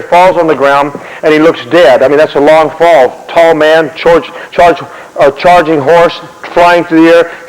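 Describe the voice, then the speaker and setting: Man storyteller, high voice, acts out scenes with sound effects, long hall reverb. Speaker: history storyteller. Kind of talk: animated historical storytelling lecture.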